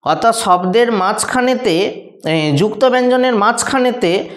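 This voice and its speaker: A man's voice: high voice, slight background noise. Patient male teacher in echoey room. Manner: patient, repeats examples slowly and asks rhetorical questions. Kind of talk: classroom grammar lesson.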